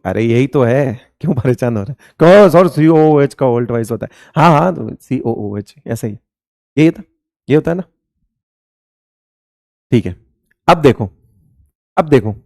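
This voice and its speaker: A man's voice: mid-range voice, darkish tone, dry recording, studio quality. A man teaching chemistry in Hindi, asking the class questions over and over and answering them himself, calling his students beta. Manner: addresses students fondly as beta and raja. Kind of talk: classroom lecture.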